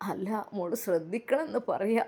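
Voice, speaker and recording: A woman voicing a worried, gentle older father who pleads softly, with a Malappuram Malayalam accent. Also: medium pitch, moderate pace, husky. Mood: pleading. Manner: pleading, soft.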